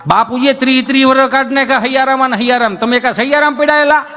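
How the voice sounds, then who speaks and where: Extremely high-pitched, pushed and bright, this middle-aged man speaks quickly in a steady tone over faint background music. A folk comedian doing comic dayro storytelling, he teases and lectures the audience playfully and preachily.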